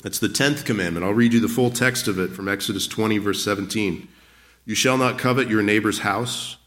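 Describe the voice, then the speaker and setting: A man pastor delivering a church sermon with a somewhat low-pitched voice. He preaches with rising emphasis and fires off rhetorical questions at the congregation. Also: brisk, fairly bright tone.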